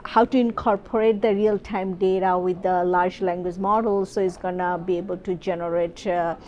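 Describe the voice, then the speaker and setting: A woman's voice: lowish voice, fairly even intonation, moderate pace, dark tone, lo-fi sound, a little hiss or hum. A middle-aged woman, a professor explaining her research in a conference interview, with many fillers and restarts. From Bangladesh.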